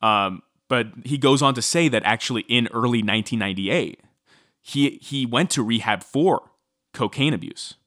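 A man's voice: mid-range voice, normal speed, no room sound, studio quality. A man casually recounting a true-crime story as podcast co-host, chatty with many fillers. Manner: chatty, filler-heavy, animated when quoting.

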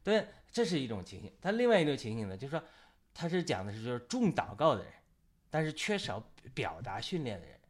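A man's voice: medium pitch, wildly swooping pitch, fast talker. A man hosting a casual church discussion, talking in long rambling stretches full of fillers and restarts. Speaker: host of a church talk show.

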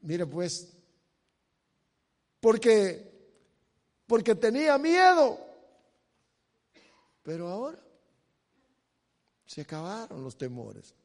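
A male preacher delivering a sermon, swinging from loud exhortation to soft, quiet asides. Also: high voice, big pitch swings, extremely slow, pauses often. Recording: long hall reverb.

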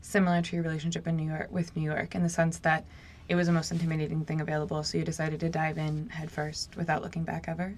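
Fast-talking woman podcast host. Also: deep voice, completely flat delivery, slight background noise. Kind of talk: interview questions.

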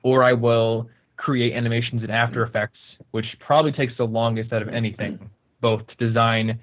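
A man's voice: mid-range voice, level tone, moderate pace. A man talks as a guest in a casual podcast interview. He explains things step by step and fills his talk with "like". The recording sounds somewhat dull and lo-fi. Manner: chatty, explains step by step with many "like" fillers. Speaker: guest, YouTuber.

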